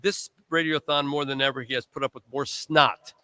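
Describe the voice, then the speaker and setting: A man's voice: medium pitch, steady tone, normal speed, sharp tone, smooth, no echo. A man hosting a live charity radiothon, rambling through long thank-you lists with joking asides, his voice worn from recent illness. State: recovering from illness, voice strained. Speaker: radiothon host.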